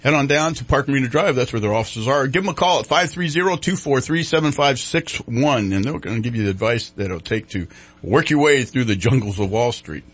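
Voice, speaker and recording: Husky male radio host, folksy and casual. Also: mid-range voice, animated, brisk. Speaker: radio talk show host. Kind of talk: casual live radio chat. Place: radio studio.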